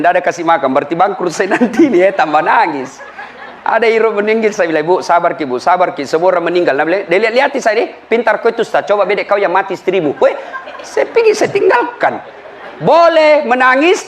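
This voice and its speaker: A man preaching a humorous sermon. He tells lively stories and acts out the voices of the people he quotes. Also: high-pitched. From Indonesia.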